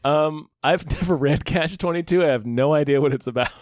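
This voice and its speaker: A woman co-hosting a podcast in casual, blunt banter, with some vocal fry. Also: low voice, fairly quick, darkish tone, no echo, studio quality. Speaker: podcast co-host.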